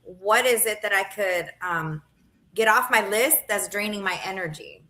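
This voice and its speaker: A woman's voice: medium pitch, a little slow, sharp tone, rough recording. A woman in her late forties speaking earnestly on a podcast, often checking in with "right?". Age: 40s. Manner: earnest, keeps asking "right?". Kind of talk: casual podcast conversation.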